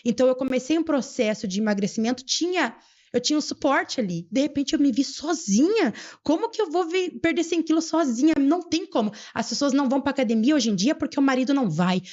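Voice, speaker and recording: A young adult woman, telling her personal story as a podcast guest in an earnest, fervent way and slowing down for emphasis. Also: sits high, lively intonation, darkish tone, muffled recording. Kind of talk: emotional personal testimony.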